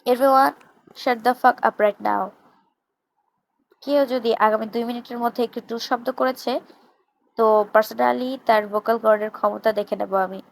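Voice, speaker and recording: A brash young DJ snaps orders and turns sweet and teasing with his wife, read by a woman storyteller. The voice sits a little high with a gravelly edge. It is a storybook reading. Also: fairly even intonation, a little slow, a little hiss or hum, poor audio. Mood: commanding. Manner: brash in English bits, soft and teasing on the phone.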